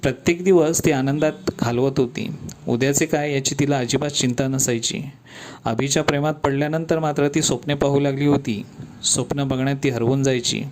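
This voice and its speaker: A man narrating a scripted story in a calm, steady storytelling manner. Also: medium pitch, a little fast, slight background noise.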